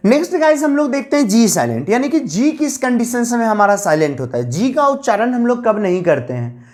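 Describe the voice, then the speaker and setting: A woman's voice: on the high side, big pitch swings, a little fast, a little mellow. A woman giving an English spelling lesson, spelling words out letter by letter and often addressing her students as "guys". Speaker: English teacher. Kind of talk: classroom lesson explaining spelling rules.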